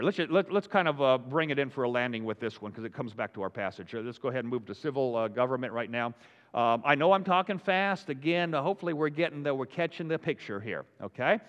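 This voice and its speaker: A pastor preaching a conversational sermon to his congregation, talking fast and checking in with them often. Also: mid-range voice, fairly bright tone, big-room sound, dull audio. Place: church sanctuary.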